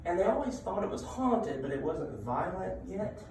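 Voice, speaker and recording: Male live storyteller, conversational ghost-legend talk with dramatic pauses; creaky voice, distant in a very echoey room. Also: high-pitched, very animated, darkish tone. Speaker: public speaker telling local ghost stories. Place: indoor room at a library talk. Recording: echoey room from afar, background noise.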